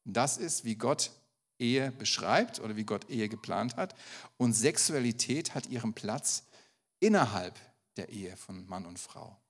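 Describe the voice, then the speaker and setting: A man's voice: medium pitch, animated, a little slow, big-room sound. A man preaching a sermon in a church, often putting direct questions to the congregation. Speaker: pastor.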